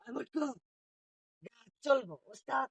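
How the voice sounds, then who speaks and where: High, creaky, belligerent drunk, acted by a woman, Bangladeshi accent. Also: lively intonation, moderate pace, a crowd in the background. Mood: rambling, bossy. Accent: Bangladeshi Bengali. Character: rowdy, belligerent, rambling drunk in a comedy skit. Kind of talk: amateur comedy skit acting.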